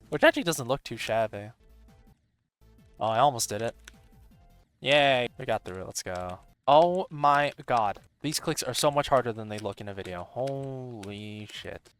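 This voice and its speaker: A man giving casual gameplay commentary, excitable and laid-back, full of swearing and surfer-bro slang. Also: mid-range voice. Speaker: gaming video host.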